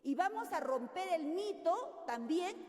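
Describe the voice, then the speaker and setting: An older woman from Peru leading a teacher workshop, lively and constantly checking in with her audience. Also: very high-pitched, a little slow. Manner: animated, questioning audience often. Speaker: teacher trainer. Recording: echoey hall.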